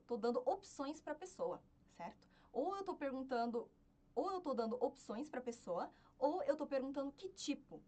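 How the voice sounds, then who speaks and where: A woman teaches a grammar lesson. Her voice sits high and swings widely in pitch as she explains each rule. She keeps checking in with her learners through short questions. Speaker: Korean language teacher.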